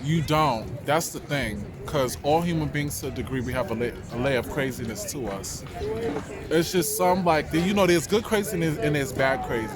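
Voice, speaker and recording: A man's voice: a little high, normal speed, crowd noise. A man with a New York accent giving reflective, conversational answers in a casual street interview. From New York, United States. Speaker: interviewee, dancer and actor. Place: outdoors in a city park. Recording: outdoor city noise, passing traffic.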